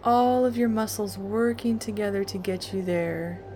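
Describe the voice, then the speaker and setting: A woman narrating a guided meditation in a calm, soothing, deliberate way with long pauses. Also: mid-range voice, slight background noise. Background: music.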